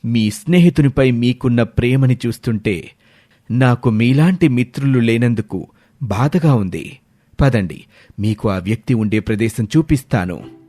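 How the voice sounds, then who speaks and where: A man voicing a gentle, lonely male stranger from a snowy land in an animated storybook, speaking in a calm, cautious tone. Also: mid-range voice, normal speed, no echo, voice pushed down, lightly acted. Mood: earnest.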